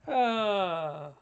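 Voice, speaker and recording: A man co-hosting a casual streamed podcast, snarky and quick to laugh, swearing freely. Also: very high voice, darkish tone. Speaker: podcast co-host. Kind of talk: casual chat on a live stream.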